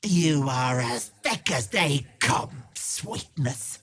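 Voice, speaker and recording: An actress playing a sinister old hag who poses as a kindly auntie in a video game, cooing mocking endearments in a theatrical way. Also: female voice, very deep voice, animated, drawn-out words, fairly bright tone, breathy edge, heavily acted. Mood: taunting, cajoling. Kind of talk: video game character acting.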